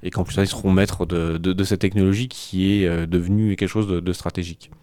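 A man with a low voice talks through tech news in a relaxed podcast chat. He hesitates often, stacking fillers and restarting sentences. The sound is close and dry, with no room around it. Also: a little fast, clean tone, no echo. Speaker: podcast co-host reading a tech press review.

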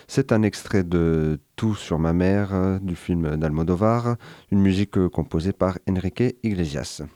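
A man's voice: deep voice, measured pace, dark tone, no room sound. A man hosting a radio interview, speaking with many hesitations and fillers into a studio microphone. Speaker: radio host.

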